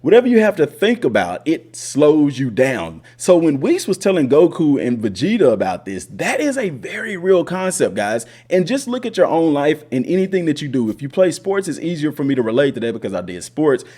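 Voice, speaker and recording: Animated American man, casual gaming vlogger. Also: fairly high pitch, a little fast, few pauses. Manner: informal, rambling, repeats phrases for emphasis. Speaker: YouTube host and gaming commentator; sports coach. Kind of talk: casual chatty commentary to viewers. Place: indoors in front of a green screen.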